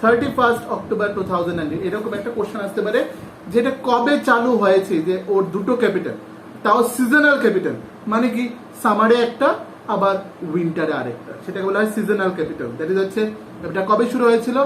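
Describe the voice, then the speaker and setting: A man's voice: high voice, brisk, a bit bright. A male teacher giving a class lesson, who repeats each name, spells it out letter by letter and asks the class questions. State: sweating. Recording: echoey room, faint noise.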